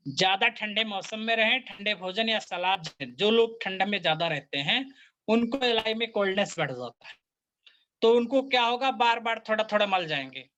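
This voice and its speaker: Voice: medium pitch, expressive, moderate pace, a bit bright. A teacher of acupuncture and Chinese medicine giving a workshop lecture, explaining step by step with patient case stories and repeating key terms.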